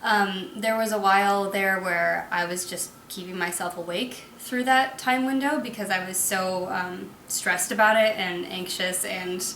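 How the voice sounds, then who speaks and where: A young woman talks frankly about her own experiences, laughing easily now and then. Her voice has a bright, clear edge. The sound is roomy, as if recorded in a room at home, with a faint hum behind it. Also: medium pitch, fairly even intonation, measured pace, hardly any pauses. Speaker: vlogger. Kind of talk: casual storytelling chat.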